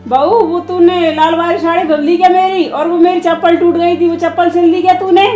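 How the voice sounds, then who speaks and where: A woman's voice: extremely high pitch, little pitch movement, fairly quick, a little mellow. A woman playing a bossy old mother-in-law. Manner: commanding, scolds her daughter-in-law, soothes her daughter. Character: bossy older mother-in-law, doting on her daughter. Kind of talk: family skit acting. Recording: echoey room with music behind.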